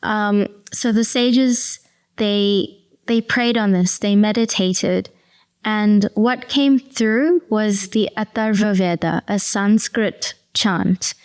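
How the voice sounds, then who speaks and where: Smooth-voiced New woman explaining. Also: medium pitch, steady tone, takes it slowly, darkish tone. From New Zealand. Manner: earnest, explanatory, with occasional fillers. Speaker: Ayurvedic practitioner guest. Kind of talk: conversational interview storytelling.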